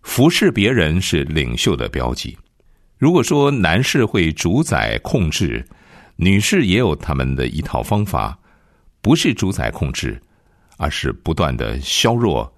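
A man's voice: deep voice, wildly swooping pitch, measured pace, dry recording, clean studio sound. A male radio preacher giving a sermon to listeners, speaking emphatically and rising and falling dramatically. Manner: emphatic, rises and falls dramatically.

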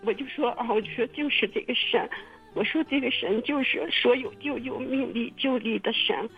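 A woman telling her own story in casual testimony, halting and repeating her words with many fillers. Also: fairly high pitch, husky, faint music behind. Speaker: testimony guest. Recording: muffled phone-line radio recording.

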